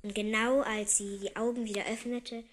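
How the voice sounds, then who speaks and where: A woman reading a children's story aloud in a plain, unhurried way with small slips. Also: fairly high pitch, little pitch movement, poor audio.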